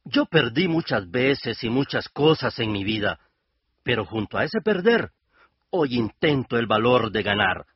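Male reader, earnest measured reflection, animated intonation, muffled radio quality. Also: mid-range voice, breathy edge, dry recording. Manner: earnest, measured, rising toward the end. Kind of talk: reflective scripted narration. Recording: dull lo-fi radio recording.

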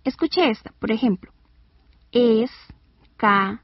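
Female radio lesson host, deliberate scripted delivery, husky edge, muffled old broadcast. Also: a little high, animated, dry recording. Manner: clear, deliberate, spells out words slowly. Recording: dull lo-fi radio recording.

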